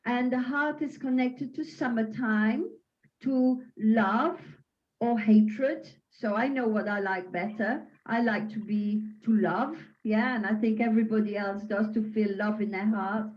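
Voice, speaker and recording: A woman leads a guided breathing session, her voice pitched a little high and her speech very slow. She sounds gentle and soothing. The recording is slightly muffled and lo-fi. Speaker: qi gong teacher. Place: home.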